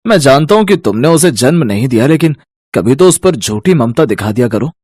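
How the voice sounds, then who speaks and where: A man voicing a soft-spoken middle-aged father in a cartoon story, who pleads gently. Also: mid-range voice, sing-song, brisk, breathy edge, dry recording, studio quality. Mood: pleading.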